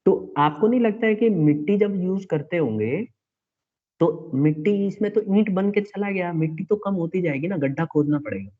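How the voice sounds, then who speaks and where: A man's voice: high-pitched, lively intonation, moderate pace. Man lecturing over tinny line. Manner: explanatory, asks checking questions. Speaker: teacher. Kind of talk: classroom lecture. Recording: tinny phone-like online class audio.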